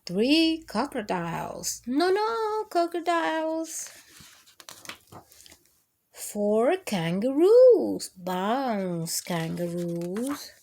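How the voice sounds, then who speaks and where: Speaking extremely slowly with a dark tone, this woman reads picture books to young children as a storytime host. She is very animated, her voice is on the high side, and she stretches out words while addressing the kids directly.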